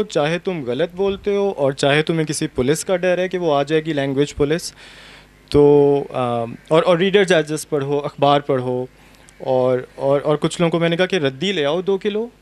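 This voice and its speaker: A man's voice: a little high, darkish tone. A young adult man, a translator, speaking reflectively and earnestly on a panel with many hesitations. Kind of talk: panel conversation. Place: outdoor university courtyard event.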